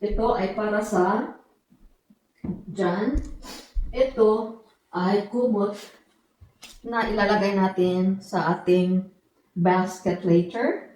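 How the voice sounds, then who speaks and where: A middle-aged Filipino woman vlogs casually at home, chatting and joking as she shows off her new house and mixing Tagalog with English. Her mid-range voice is slightly mellow, slow, and full of pauses, in an echoey room.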